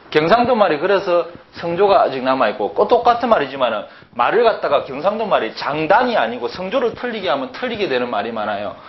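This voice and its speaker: A middle-aged man with a Gyeongsang Korean accent teaching a class, lively and full of rhetorical questions to his students. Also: fairly high pitch. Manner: animated, peppers talk with rhetorical questions. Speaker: language teacher. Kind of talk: classroom lecture. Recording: muffled, faint hiss.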